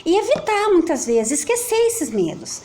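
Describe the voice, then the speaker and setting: A woman's voice: very high-pitched, sing-song, normal speed, warm tone. A woman with a Brazilian Portuguese accent, a teacher reading a children's story aloud in a playful sing-song way. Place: at home with children and a pet nearby.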